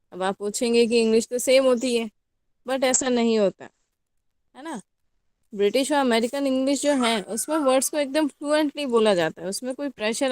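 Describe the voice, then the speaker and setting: A woman's voice: on the high side, no echo, clean studio sound. Indian woman teacher lecturing a class. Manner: explains in mixed Hindi and English, asks the class questions. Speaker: college teacher.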